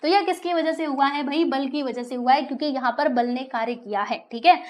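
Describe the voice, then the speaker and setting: A woman's voice: high voice, a little fast. A woman teaching a science lesson to schoolchildren, calling them dear children, asking questions and answering them herself. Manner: asks questions and answers them, checks in with "right?"; addresses listeners as dear children.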